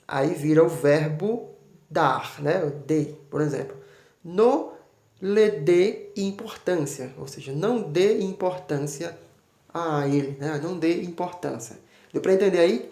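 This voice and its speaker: A man with a Brazilian Portuguese accent, a teacher steadily explaining a worksheet and drawing out example words slowly. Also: fairly high pitch, vocal fry, a little mellow. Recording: roomy echo.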